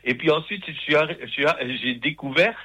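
Bright-voiced man in his sixties. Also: on the high side, a little fast, husky, poor audio. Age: 60s. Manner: hesitant, many restarts and fillers, good-humored. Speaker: guest, literary event moderator. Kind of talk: radio interview.

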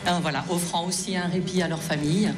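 A woman organizer giving a welcome speech to an audience, halting and full of fillers. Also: on the low side, steady tone, over music. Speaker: event organizer introducing speakers.

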